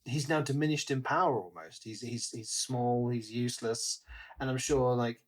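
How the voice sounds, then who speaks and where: A podcast co-host with a mid-range voice and a moderate pace chats casually about books. He retells events with animation, often slipping into acted-out quotes.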